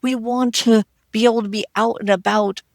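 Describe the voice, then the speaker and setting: A woman's voice: fairly high pitch, steady tone, normal speed, darkish tone, dry recording. Earnest woman podcast host, dry sound. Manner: earnest, repetitive "we want to" phrasing, acts out quotes. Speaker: podcast host, healthcare worker. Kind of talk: conversational interview.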